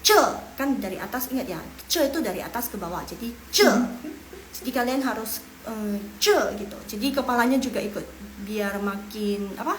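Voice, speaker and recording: A woman's voice: on the high side, lively intonation, moderate pace, reverberant, slight background noise, low-quality recording. A young woman from Medan with a Medan accent, teaching a casual online Mandarin lesson, encouraging and drilling tones aloud. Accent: Medan Indonesian. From Medan, Indonesia. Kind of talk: live online language lesson.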